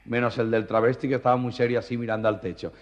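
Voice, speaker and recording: This is a man telling jokes in a lively way. He is a stand-up comedian on an old recording. The sound is a dull cassette with a long, roomy echo. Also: medium pitch, fast talker. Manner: lively joke telling with voices. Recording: muffled reverberant old cassette.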